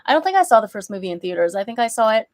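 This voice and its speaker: A vlogger with a nasal, stuffy-nosed voice from a recent cold and sore throat chats casually in a haul vlog, rambling and correcting herself. Her voice is a little high and sing-song, and she talks at a racing pace.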